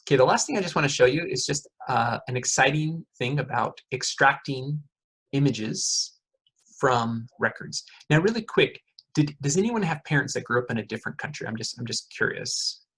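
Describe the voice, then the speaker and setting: With lively intonation and a normal speed, this husky, fairly bright mid-range male voice belongs to a middle-aged economics professor. He chats warmly through a casual lecture, quizzing students and saying "uh" and "okay" a lot. The recording is rough.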